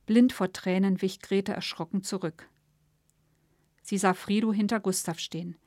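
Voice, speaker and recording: A woman's voice: mid-range voice, steady tone, moderate pace, darkish tone, dry recording, clean studio sound. A woman narrating a dramatic story as a storybook reader. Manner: dramatic reading.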